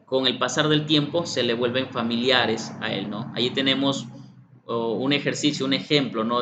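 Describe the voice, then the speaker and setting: Speaking in a sharp, medium-pitched voice, a middle-aged man leads an online workshop. He repeats himself, addresses participants head-on and mimics children's voices, in a slightly muffled recording with faint hum.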